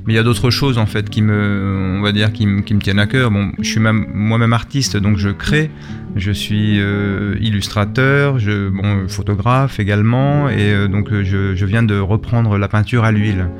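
A man's voice: lowish voice, fairly even intonation, moderate pace. A middle-aged man being interviewed in a radio studio, talking conversationally and often repeating words as he searches for his phrasing. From Spain and Belgium, lived in France. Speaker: interview guest, shop and gallery owner, artist. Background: guitar music playing behind the voice.

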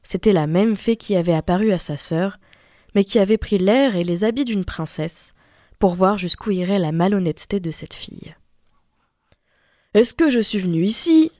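A woman reads a classic fairy tale aloud with expressive storytelling. Her voice is mellow and warm, and the recording is dry and close, with no room sound. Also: medium pitch, moderate pace, dry recording. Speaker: reader.

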